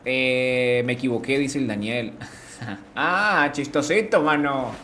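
A man's voice: mid-range voice, slow pace, pushed and bright, slight background noise. A man streaming a game live, chatting casually. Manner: chatty, greets chat, slangy.

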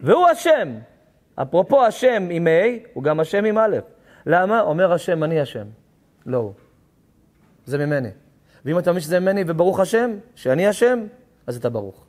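A rabbi delivering a sermon, telling stories with passion, acting out dialogue and rising to shouts at times. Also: male voice, sits high, big pitch swings, long pauses.

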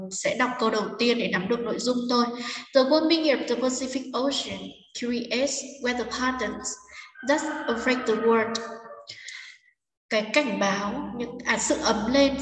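Echoey higher-voiced woman teacher. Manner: explains step by step, mixing English words into Vietnamese. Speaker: English teacher. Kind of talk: exam walkthrough lesson. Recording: echoey room, distant mic, faint noise.

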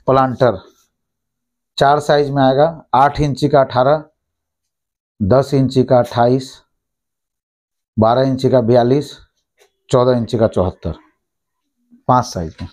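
A man in his thirties, a shop owner, listing plastic goods and their prices and repeating each price briskly, recorded indoors on a lapel mic in a small shop office. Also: medium pitch, fairly even intonation, a little mellow. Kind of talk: product price rundown.

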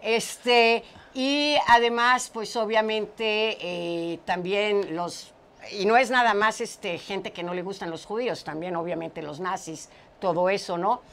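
A woman's voice: medium pitch, slow pace, a bit bright. A middle-aged woman hosts a studio talk show. She chats casually and translates for her guest, restarting and repeating words as she works through each answer. She speaks on a lapel mic. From Portugal. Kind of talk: casual chat, interpreting for a guest. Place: small studio set with brick wall.

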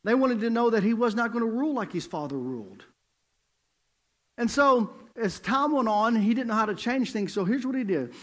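A male evangelist preaches in a church, building his story with emphatic repetition. His voice sits high and swings widely in pitch as he drives each point home. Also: animated, normal speed, a bit bright. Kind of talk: sermon.

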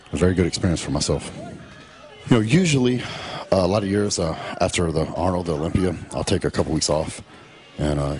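A middle-aged man, casually narrating in a laid-back, drawn-out way full of fillers. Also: rumbling low, a little mellow. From Texas. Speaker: professional bodybuilder.

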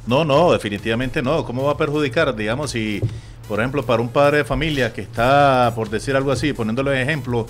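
A man with a Nicaraguan Spanish accent hosting a sports radio talk show, telling stories in an animated way and acting out other people's voices. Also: medium pitch, fast talker, soft background music. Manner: animated storytelling, acts out quoted voices. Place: radio studio.

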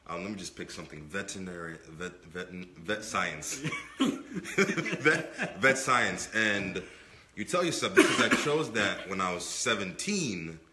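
An expressive man in his twenties with a low voice co-hosts a relaxed podcast at a measured pace, emphatic and repetitive, his voice a little under the weather and not fully clear. The echoey brick and wood-panel room adds background noise.

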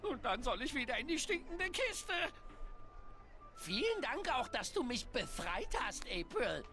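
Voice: high voice, very animated, measured pace, sharp tone, exaggerated voice. A voice actor playing a sarcastic, grumbling talking crow in a video game, with game music behind. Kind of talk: game dialogue.

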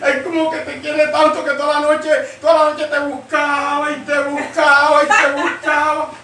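A man voicing a naive old village mother who wails and complains in a drawn-out way. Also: very high voice, monotone, pushed and bright, a little hiss or hum, voice pushed up, heavily acted. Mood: wailing. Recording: echoey room, distant mic.

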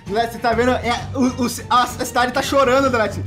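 A man's voice: very high-pitched, steady tone, brisk, music in the background. A young Brazilian man playing a game with a friend, giggling and pleading with squealing protests. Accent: Brazilian Portuguese. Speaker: gaming YouTuber. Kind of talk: playful gaming chat.

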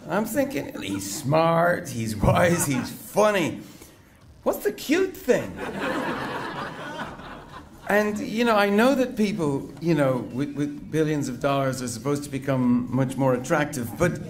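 A man's voice: on the high side, big pitch swings, measured pace. A man giving a comic introduction speech at a conference lectern, telling a story playfully and building to punchlines. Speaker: guest speaker introducing an honoree. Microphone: lectern mic.

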